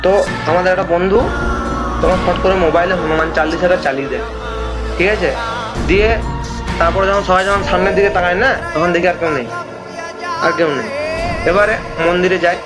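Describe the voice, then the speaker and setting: High-voiced man telling a ghost story. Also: a little fast, pauses often, loud music behind the voice. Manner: lively storytelling, repeats phrases for effect. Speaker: guest storyteller. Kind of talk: casual ghost story chat.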